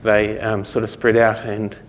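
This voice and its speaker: Low-voiced man giving a talk. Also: completely flat delivery, measured pace, long reverb tail, slight background noise. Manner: conversational, explaining step by step with slides. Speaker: conference speaker. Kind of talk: conference talk.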